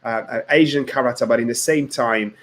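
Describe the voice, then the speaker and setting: A man's voice: medium pitch, brisk, fairly bright tone. A man hosting a podcast interview, asking questions while repeating himself and searching for words. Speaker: podcast host.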